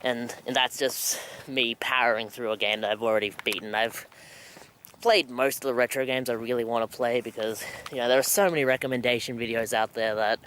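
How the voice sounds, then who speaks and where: A man's voice: mid-range voice, steady tone, fairly quick, a bit bright, a little hiss or hum. A young Australian man chatting casually to a handheld camera, breathing heavily as he walks outdoors. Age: young adult. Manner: heavy breathing while walking. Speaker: vlogger. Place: outdoors at night, walking in a suburban riverside area. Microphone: handheld camera at arm's length.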